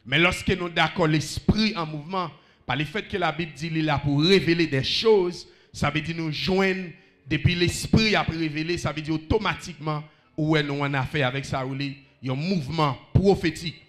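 A man's voice: a little high, moderate pace, a bit bright. A man with a Haitian accent preaching a sermon, rhythmically calling out questions to the congregation.

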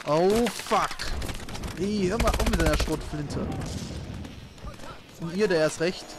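Guy doing a let's play, kinda high voice, sarcastic, chatty, game noise and gunfire behind. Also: a little slow. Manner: joking, sarcastic, swearing. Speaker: let's player. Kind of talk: casual gameplay commentary. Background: video game gunfire.

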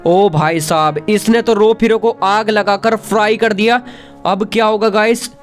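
A young man giving excitable, chatty game commentary voice-over, talking straight to his viewers. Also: high-pitched, a little slow. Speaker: gaming video creator. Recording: faint background music.

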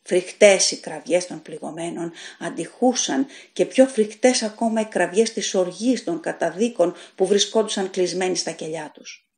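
Woman with a low voice reading a story aloud. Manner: measured, dramatic storytelling that voices characters' shouts. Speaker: audiobook narrator. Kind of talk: scripted audiobook narration.

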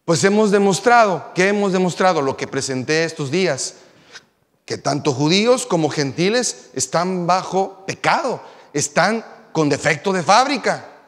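A man's voice: fairly high pitch, lively intonation, moderate pace, a bit bright. A man preaching a sermon, moving from telling a story to emphatic preaching. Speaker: pastor. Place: church sanctuary. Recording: long hall reverb.

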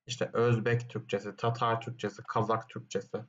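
A man's voice: lowish voice, flat delivery, normal speed, lo-fi sound. A male teacher, working through exam questions one by one and posing his own questions before answering them. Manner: explains step by step, asks himself questions and answers them; hums "dın dın dın" between points. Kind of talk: exam question walkthrough lesson.

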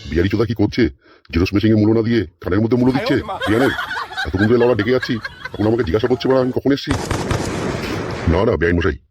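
A man voicing a crude, scheming middle-aged widower in a Bengali comedy cartoon, talking rapidly in muttered asides. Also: on the low side, noisy background, close to an everyday voice.

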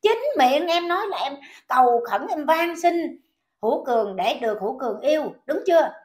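High-voiced scolding woman with a southern vietnamese accent. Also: lively intonation, normal speed. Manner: indignant, scolding, repetitive questions. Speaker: commentator. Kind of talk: ranting commentary vlog.

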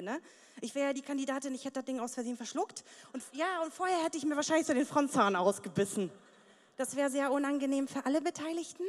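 A young woman performing a stand-up comedy set with crude, brash punchlines. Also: high-pitched. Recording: long reverb of a studio hall.

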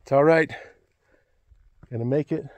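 Out of breath and husky-gravelly, a travel vlogger in his sixties narrates a casual hike on a rocky outdoor trail, his phone held at arm's length. His voice sits on the high side and he's unhurried, muttering folksy exclamations to himself in short bursts, with no room sound.

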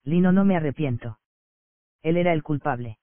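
Lino, un hombre leyendo a un preso tenso. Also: male voice, a little high, moderate pace, no echo, lightly acted. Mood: urgent. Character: male prisoner who just killed a traitor. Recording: dry, tinny phone-like sound.

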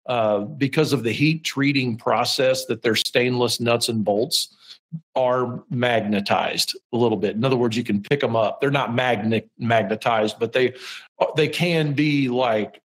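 A man's voice: medium pitch, poor audio. Rambling middle-aged man in a workshop. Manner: rambling, self-deprecating, many ums and restarts. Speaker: podcast host. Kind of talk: casual how-to talk. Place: metal fabrication shop.

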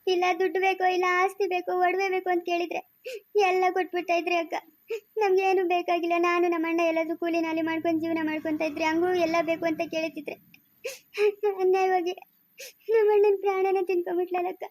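A woman's voice: sits high, flat delivery, very fast, dry recording, clean studio sound. A woman playing a grieving young village woman who has lost her family, pleading and sobbing in a family moral drama.

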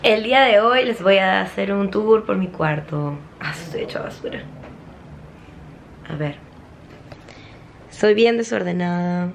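A woman's voice: medium pitch, unhurried, vocal fry, pauses often. A young woman chatting casually in an offhand, teasing way for a vlog in a small apartment. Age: young adult. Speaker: vlogger. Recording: echoey room with loud background noise.

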